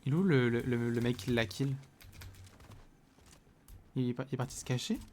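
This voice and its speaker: A man streaming himself playing a video game, excitable and swinging from loud exclamations to muttering. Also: medium pitch, normal speed, slight background noise. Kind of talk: live gameplay commentary.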